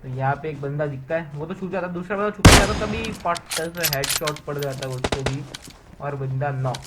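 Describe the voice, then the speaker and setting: A young man giving a casual, excited and self-mocking voice-over of his own gameplay, telling the match as a joking story. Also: a little high, a little fast, very noisy. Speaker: gamer narrating his match. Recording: voice-over with clear game gunfire behind.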